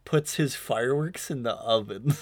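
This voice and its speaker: Male co-host, casual podcast chat, retells scenes with animated high-pitched quotes. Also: unhurried. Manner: animated storyteller who acts out quotes in a high voice.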